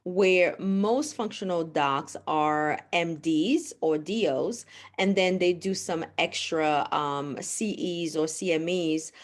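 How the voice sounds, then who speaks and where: Earnest woman doctor, lowish voice. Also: slow. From Haiti. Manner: earnest, explanatory, with restarts. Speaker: guest naturopathic physician. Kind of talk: podcast interview.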